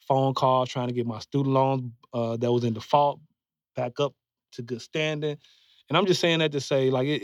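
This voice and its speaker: This mid-range male voice belongs to a man in his forties offering sincere advice during a relaxed podcast conversation. He speaks loosely, with plenty of fillers and restarts. The audio is dry, dull, and a bit muffled.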